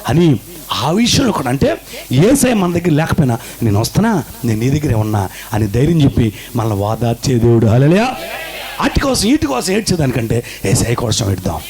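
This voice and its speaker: Fervent male preacher, lively fast delivery. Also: medium pitch. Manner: fervent, calls out to the congregation; acts out the quoted words of the people in his stories. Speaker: pastor. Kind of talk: sermon.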